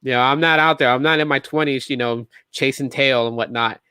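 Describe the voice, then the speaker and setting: A man's voice: medium pitch, fairly even intonation, brisk, sharp tone, clear, resonant tone, dry recording. A man in his thirties hosting a solo tech podcast, talking casually and rambling with sarcastic asides and lots of restarts. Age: 30s.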